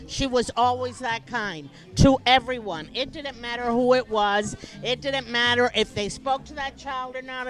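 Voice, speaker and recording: Older woman, former teacher, earnest tribute, slightly high voice, faint background music. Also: a bit bright. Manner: earnest, heartfelt, emphatic. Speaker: former schoolteacher, guest. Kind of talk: emotional tribute in interview.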